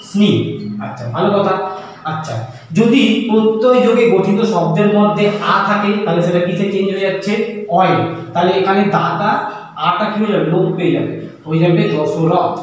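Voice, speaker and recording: A man teaching a grammar lesson. He goes patiently step by step, repeating each step and asking and answering his own questions. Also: high-pitched. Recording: echoey room, far from the mic, faint hum.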